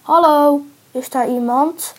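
A woman's voice: a little high, fairly even intonation, moderate pace, darkish tone, slightly rough. A woman voicing a scared trapped boy. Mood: calling out. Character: frightened boy trapped in a cage.

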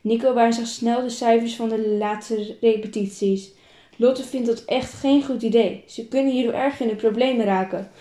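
Woman reading her own story, highish and mellow, a few stumbles and restarts, echoey room. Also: fairly even intonation, moderate pace. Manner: plain reading with small repeats and restarts. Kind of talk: reading a self-written story aloud.

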